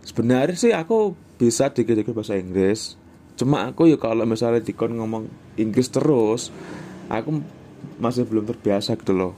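A man's voice: medium pitch, lively intonation, moderate pace, warm tone, a little hiss or hum. A young Indonesian man with a Javanese accent, hosting a casual solo podcast and rambling as he mixes in Javanese and English phrases. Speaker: podcast host.

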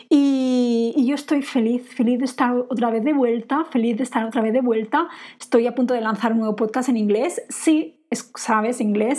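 A woman hosting a podcast as a coach for women entrepreneurs, talking in an earnest, encouraging way and repeating phrases for emphasis. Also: on the high side. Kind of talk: motivational podcast monologue.

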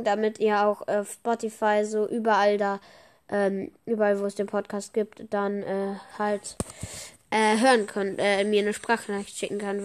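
A woman chatting casually while playing a game for her podcast, excitable and chatty, with frequent slang exclamations. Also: medium pitch, clear, resonant tone. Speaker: gaming podcaster. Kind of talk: casual gameplay commentary.

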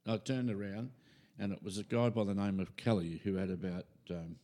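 An older Australian man with a low, mellow voice tells a story from his early life in an easy, chatty way. He slips into the voices of the people he quotes. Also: brisk. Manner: animated storyteller who acts out quoted voices. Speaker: podcast guest, retired minister. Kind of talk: casual storytelling chat.

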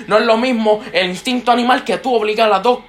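A young man, co-hosting a casual group chat in a playful, excitable way. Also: very high voice, quick pace. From Puerto Rico. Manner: excitable, playful, keeps saying "papi". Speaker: co-host.

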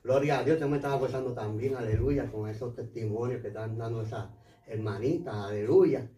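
Brief: male church radio host, mellow tone, peppers every line with hallelujahs, echoey room, distant mic. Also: medium pitch. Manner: fills pauses with hallelujahs. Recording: roomy sound, distant mic.

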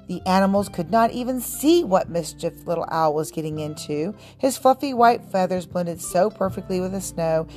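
Woman reading a kids book on her podcast, calm steady voice, a bit low, soft music under it. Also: moderate pace, few pauses. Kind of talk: storybook read-aloud narration.

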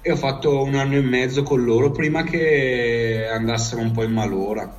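A man with a northern Italian accent chats casually, spinning stories in a rambling, slangy way peppered with swearing. His voice sits at an average pitch. He sounds set back from the microphone. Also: steady tone, normal speed. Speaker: storyteller recalling life abroad. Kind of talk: casual storytelling chat. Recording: distant mic.

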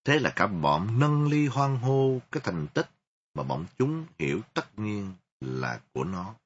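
A man reading a first-person story aloud with feeling and sometimes stopping to read a line again. His voice is low and husky, and his pitch moves a lot. The recording is dull and lo-fi. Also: big pitch swings, unhurried. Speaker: audiobook reader.

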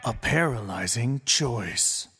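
A man voicing a dramatic movie-trailer announcer, drawn out slowly for a podcast intro. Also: mid-range voice, lively intonation, sharp tone, husky, heavily acted. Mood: ominous. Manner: slow, drawn-out trailer delivery.

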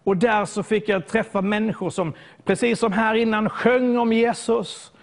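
A man's voice: high-pitched, steady tone, vocal fry. A man from southern Sweden preaching a sermon, telling stories and often repeating words as he searches for them.

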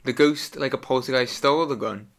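A man's voice: mid-range voice, fairly quick, a bit bright. A man co-hosting in casual comic banter, playful and quipping with a mock-serious touch. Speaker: podcast co-host.

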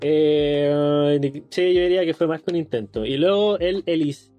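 Chilean male co-host, crude banter, slightly high pitch, faint music under. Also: a little slow, mellow, no echo. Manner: crude, joking, reads news aloud. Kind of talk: casual podcast chat reacting to news.

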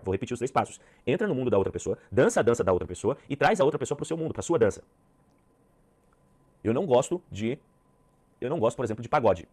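A rapid-talking male sales trainer. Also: fairly low pitch, slightly rough. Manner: energetic, repeats key points, checks in with the class. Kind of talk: live online training talk.

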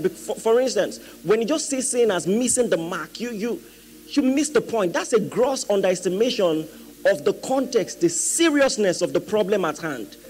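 A man preaching a sermon, emphatic, asking the congregation questions and building to loud shouted peaks. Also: sits high. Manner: asks the audience questions, humorous asides.

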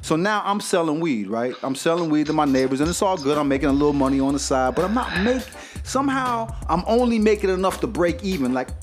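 A man telling a stand-up story on stage in slangy, animated speech. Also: fairly high pitch, quick pace, soft background music. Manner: slangy, animated, acts out the characters. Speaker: stand-up comedian.

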